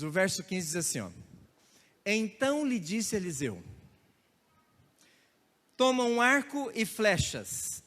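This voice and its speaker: High-voiced pastor preaching in a church. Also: male voice, a bit bright. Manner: storytelling with playful regional imitations and laughter. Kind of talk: sermon. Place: church hall. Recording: church hall reverb.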